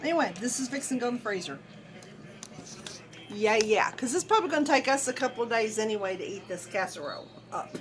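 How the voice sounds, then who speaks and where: A mature woman talks in a fairly high voice. She is folksy and chatty, addressing viewers directly as she walks them through home cooking in a casual way. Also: animated, quick pace, music in the background. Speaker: home cook vlogger. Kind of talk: casual cooking demonstration chat.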